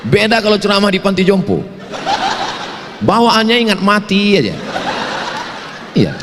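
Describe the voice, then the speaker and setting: A man who is a preacher and university lecturer, giving a humorous sermon to students at an evening campus event and telling stories with lively asides. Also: high voice, normal speed, noisy background. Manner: jokey storytelling with lively asides. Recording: long hall reverb.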